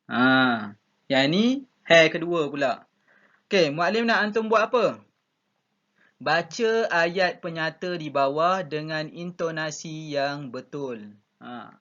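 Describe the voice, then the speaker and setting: A man's voice: on the high side, a bit bright. Patient Malaysian male teacher, lo-fi. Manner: patient, repeats instructions, frequent "ha" and "okey" fillers. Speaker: primary school teacher. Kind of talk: online class instruction.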